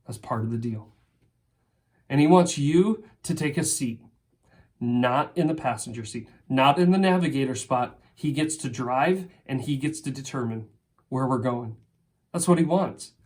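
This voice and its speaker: A man preaching a sermon as pastor, earnest and emphatic, often dropping to a soft, quiet voice and voicing heartfelt prayers. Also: medium pitch, unhurried. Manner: acts out heartfelt prayers in first person.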